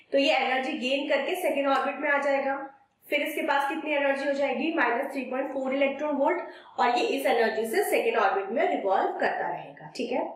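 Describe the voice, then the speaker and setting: A woman teaching a physics lecture, explaining step by step and often checking in with the class. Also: sits high. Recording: echoey distant mic with faint noise.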